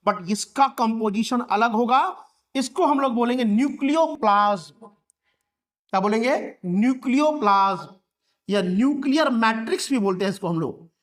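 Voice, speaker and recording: Man teaching, quizzing the class in call-and-response. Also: extremely high pitch. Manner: repeats key terms and asks the class to echo them back. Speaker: biology teacher. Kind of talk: classroom lecture at a board.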